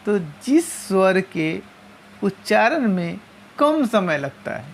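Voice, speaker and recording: A woman teacher talks through a lesson in an unhurried, deliberate way, repeating terms and sounding out each letter. Her voice sits at a middling pitch, and a faint hiss of background noise runs under it. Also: very animated, gravelly. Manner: slow and methodical, repeating and spelling out sounds. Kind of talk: explanatory lesson.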